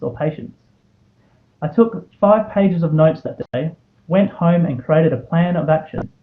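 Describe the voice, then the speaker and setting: Before a live audience, a student award winner in his twenties with an Australian accent delivers a prepared and earnest motivational speech, recounting a personal story and raising rhetorical questions. He sounds on the high side, and the audio is phone quality.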